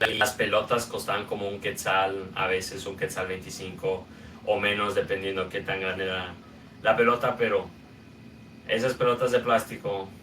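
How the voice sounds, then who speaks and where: A young Guatemalan man tells his own story as a podcast host, loose and unhurried, dropping in small filler sounds. His voice sits fairly low but has a bright, forward edge, and his pitch barely moves. He sounds a little away from the mic, with a faint hum of room noise behind him. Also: little pitch movement, recorded from a distance. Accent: Guatemalan Spanish. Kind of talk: personal storytelling monologue.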